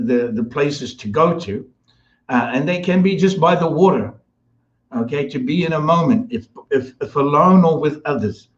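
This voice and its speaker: A man from New delivers a spiritual talk that wanders and repeats itself. His voice sits at a middling pitch and is full of fillers and restarts. The audio sounds a little dull and lo-fi. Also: darkish tone. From New Zealand. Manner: meandering, repetitive, with many restarts and fillers. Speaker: spiritual guest speaker.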